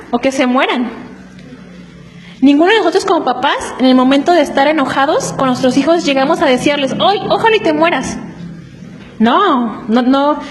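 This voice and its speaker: A woman preaching to a congregation in an earnest, explanatory way, often checking in with quick rhetorical questions. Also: high-pitched, low-quality recording. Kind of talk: church teaching on family.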